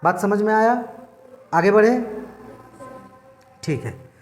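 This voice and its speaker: A man's voice: high-pitched, slow pace. Guy teacher explaining english words, keeps asking if you got it. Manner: keeps checking if students understood. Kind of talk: classroom lecture.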